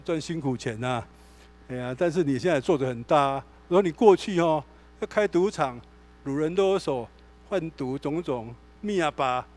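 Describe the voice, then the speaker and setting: A male pastor with a Taiwanese Mandarin accent, preaching a sermon in a church and telling stories with acted-out dialogue. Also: on the high side. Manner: animated storytelling, acts out dialogue. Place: church sanctuary.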